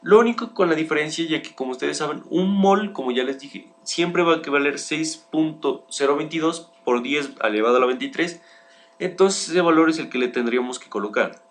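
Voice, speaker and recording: A man's voice: on the high side, a little fast. Young man explaining chemistry step by step. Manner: methodical, starts many sentences with "bien", restarts often. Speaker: student presenting homework.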